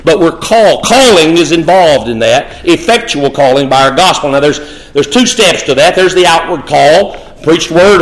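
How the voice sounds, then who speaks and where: A man preaching a sermon, quoting scripture in old-fashioned wording and rising to a raised, forceful voice on his key points. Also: high-pitched, poor audio.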